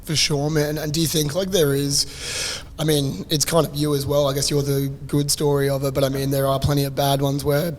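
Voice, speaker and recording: A man hosting a podcast interview, laid-back and quick with agreement. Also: on the high side, little pitch movement. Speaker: podcast host. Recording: reverberant room with faint noise.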